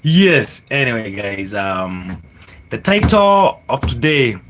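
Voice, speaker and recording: An upbeat Kenyan man talks slowly and warmly to his livestream viewers, laughing often and drawing out words for emphasis. His voice sits at an ordinary middle pitch. A faint hiss of background noise and chirping insects hangs behind him. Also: very animated. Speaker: livestream host. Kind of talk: casual livestream talk reading chats.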